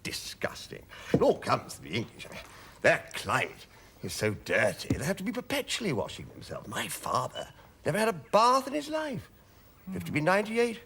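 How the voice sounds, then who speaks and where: A man's voice: a little high, huge pitch swings, moderate pace, a bit bright, slight background noise, exaggerated voice. A man playing a blustering old-fashioned army major. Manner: genial, chuckling and blustering. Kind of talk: stage play acting.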